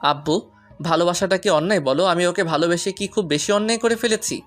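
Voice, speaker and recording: A man's voice: high voice, fast talker, a bit bright, faint music behind. A man voicing a rich young man, heartbroken and pleading with the woman he loves, in an audio love story. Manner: pleading, anguished.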